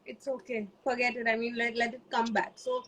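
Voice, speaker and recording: A woman's voice: fairly high pitch, flat delivery, a little fast, fairly bright tone, slight background noise, low-quality recording. A woman with an Indian English accent hosting a chatty video call. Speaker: host. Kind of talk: casual online talk.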